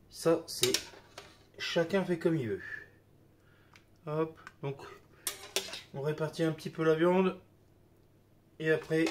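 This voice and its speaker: A slightly high-voiced man with a touch of a cold hosts a cooking video, chatting casually as he cooks and peppering his speech with "hop" and "hein." There's a little hiss or hum on the recording, along with the clatter of dishes and utensils in the kitchen.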